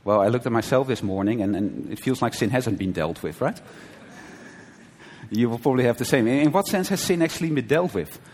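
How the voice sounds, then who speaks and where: A man teaching a conversational sermon, often checking with his listeners with a quick "right?" and restarting his sentences. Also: mid-range voice, expressive, darkish tone, husky. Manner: conversational, frequent "right?" checks and brief laughs, self-correcting restarts. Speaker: preacher. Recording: long hall reverb.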